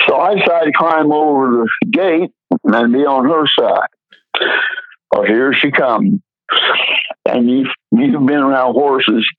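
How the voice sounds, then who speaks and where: A man's voice: mid-range voice, takes it slowly, long pauses, dry recording. An older man, a retired pastor, telling folksy, rambling stories with lots of fillers in an interview, heard over a tinny phone line. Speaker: retired pastor and memoir author. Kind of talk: storytelling in an interview.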